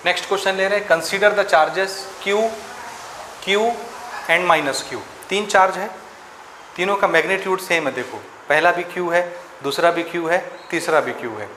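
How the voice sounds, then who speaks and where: A physics teacher with a somewhat high male voice lectures his class in an unhurried, bright, forceful tone. He calculates numbers out loud and quizzes the students, while the echoey room carries faint noise behind him.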